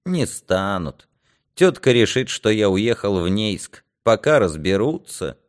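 A man reading aloud, voicing a teenage boy who calmly and firmly insists on leaving. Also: lowish voice, slow. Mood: stubborn. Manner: firm and calm, set on leaving. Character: stubborn, quietly determined teenage boy.

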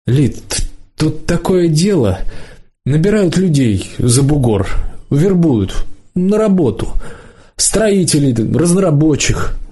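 A male narrator voicing a young broad-shouldered man who talks in a halting, apologetic way. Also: a little high, very animated, dark tone, breathy edge, voice pushed up, full character voice. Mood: awkward.

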